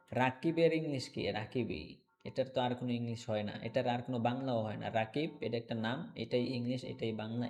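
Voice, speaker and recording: A man teaching English online, repeating words slowly and checking in often with his class. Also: medium pitch. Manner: slow, repetitive drilling of words, checks in with "okay?".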